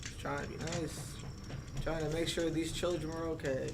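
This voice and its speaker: A man's voice: on the high side, level tone, normal speed, background noise. A man playing a tabletop game, speaking in character in a sarcastic way, with frequent swearing. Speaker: player. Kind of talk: casual tabletop role-play.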